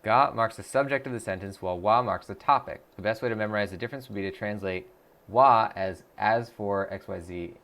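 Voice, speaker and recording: Slightly bright and on the low side, a man's voice moves a little fast as he chats casually on a live stream while using a language app. Lots of fillers and restarts mark his thinking aloud, and he answers viewers after reading their messages out loud.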